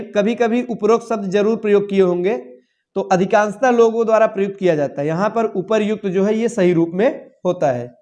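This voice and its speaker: A man's voice: sits high, darkish tone. A young man teaching, working through exam questions and answering his own questions aloud. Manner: addresses listeners as "saathiyon", asks and answers his own questions. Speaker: Hindi exam tutor. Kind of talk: explaining quiz answers.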